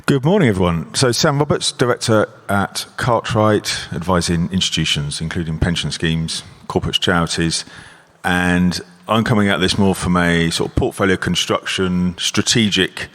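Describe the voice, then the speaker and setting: Panelist: man, deep voice, calm structured explainer. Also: moderate pace. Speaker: panelist, investment adviser. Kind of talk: conference panel talk. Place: conference hall.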